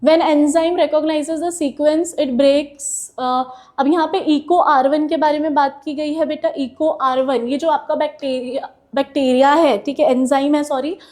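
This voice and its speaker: Female biology teacher, high mellow voice, relaxed explaining, Indian English accent on technical terms. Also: a little slow. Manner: explains with homely examples, calls students "beta"; mixes English terms into Hindi, frequent "theek hai". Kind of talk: classroom lecture.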